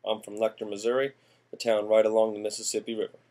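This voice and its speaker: Folksy 1890s country fellow played by a man, lowish voice, rambling homespun talk, class-project monologue. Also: little pitch movement, fast talker, dark tone, natural voice. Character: folksy 1890s small-town Missouri man, time-displaced. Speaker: student presenter in character.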